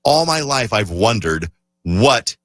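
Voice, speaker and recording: A man's voice: fairly low pitch, sing-song, slow, fairly bright tone, dry recording, studio quality. A middle-aged man hosting a morning radio show, chatty and playful. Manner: playful, bursts into silly singing.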